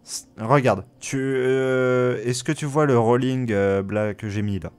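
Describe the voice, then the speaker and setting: A man's voice: medium pitch, steady tone, unhurried, a little mellow, clean tone, soft background music. A man running an online tabletop game, teasing and explaining rules casually. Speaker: game master.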